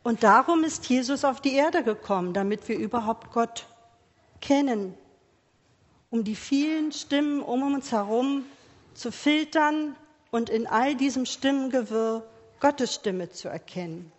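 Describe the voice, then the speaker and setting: A woman delivers a sermon at a slow, unhurried pace, her voice sitting a little high. She speaks gently and asks her listeners many quiet questions. The sound rings with the long reverb of a church hall. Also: lively intonation. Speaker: preacher.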